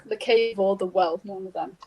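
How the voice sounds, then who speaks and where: A woman's voice: mid-range voice, fairly even intonation, moderate pace, mellow, a little hiss or hum. A woman with a Liverpool accent, a guest singer-songwriter on a video call, chatting in a meandering way and laughing easily. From England. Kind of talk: casual chat.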